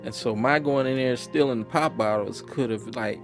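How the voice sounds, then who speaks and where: A man's voice: medium pitch, normal speed, soft background music. A man being interviewed, recalling his childhood in a reflective way and chuckling now and then. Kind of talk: personal storytelling interview.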